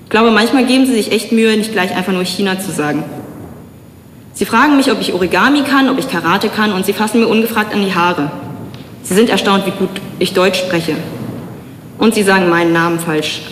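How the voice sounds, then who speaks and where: A young woman from Germany giving a public talk, telling personal stories in an earnest, measured way with slow, emphatic pauses. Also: mid-range voice, slight background noise. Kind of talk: personal spoken-word speech. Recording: echoey hall with long reverb.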